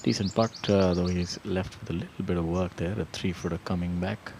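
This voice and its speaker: A man giving live golf commentary in a measured, hesitant way, pausing often as he goes. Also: sits low, fairly even intonation, vocal fry, noisy background. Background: whirring drone blades, outdoor ambience.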